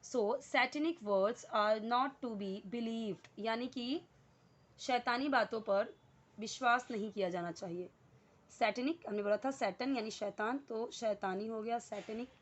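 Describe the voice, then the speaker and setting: A woman's voice: on the high side, takes it slowly. Hindi-speaking woman teaching English, step by step. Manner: explains step by step, repeats words, frequent fillers. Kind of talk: casual Hindi English lesson.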